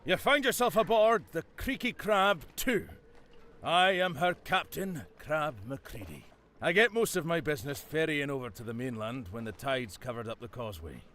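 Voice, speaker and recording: A man's voice: on the high side, lively intonation, moderate pace, a bit bright, slight background noise. A man voicing a brash, bird-loving ferry captain with a Scottish accent, in a game. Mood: grumbling. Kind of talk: voiced game dialogue.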